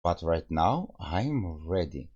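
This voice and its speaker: A man's voice: low voice, very animated, slow, darkish tone, lo-fi sound, slight background noise. A man hosting a game walkthrough, chatting casually and reading the game's text aloud between his remarks.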